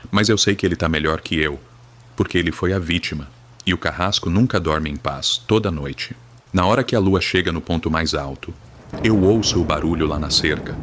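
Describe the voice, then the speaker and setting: A man's voice: extremely low pitch, a bit bright. A Brazilian man reading a first-person horror story in a somber, dramatic, grave manner.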